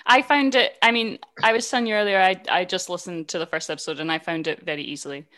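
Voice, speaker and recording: A woman with a Scottish accent who hosts a podcast, chatting casually, eager and quick to laugh. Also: fairly low pitch, a bit bright. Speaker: podcast host.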